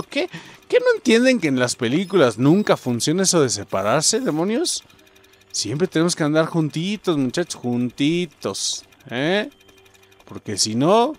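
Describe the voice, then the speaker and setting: A young adult man with a Mexican accent giving excitable gameplay commentary, swearing and yelping as he plays. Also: fairly high pitch. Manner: excitable, swearing, yelps and shouts. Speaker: gaming youtuber.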